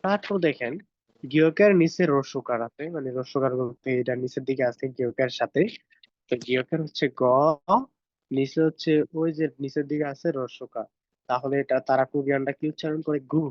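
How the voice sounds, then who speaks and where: A man's voice: mid-range voice, fairly quick, dry recording, dull audio. A man teaching a language lesson, patiently drilling pronunciation over slides. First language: Bengali.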